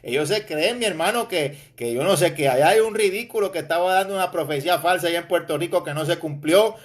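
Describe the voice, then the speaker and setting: A man's voice: a little high, quick pace. A man preaching informally online, mocking his critics and chuckling as he addresses listeners as brother. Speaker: preacher and Bible teacher.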